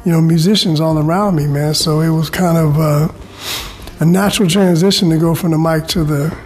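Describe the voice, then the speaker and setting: A middle-aged interview guest from California speaks a little fast in a darkish voice on the high side, his intonation fairly even. Casual and conversational, he often says "you know" and "man." Faint music and faint background noise sit under his voice.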